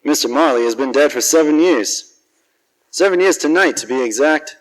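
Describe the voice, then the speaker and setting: An actor narrates as Scrooge, a cynical, grumpy, hard-drinking private eye, in the style of a hardboiled 1940s radio detective show. His voice is a little high, with lively intonation and normal speed, lightly acted and wry, wisecracking, slangy and world-weary. The recording is rough.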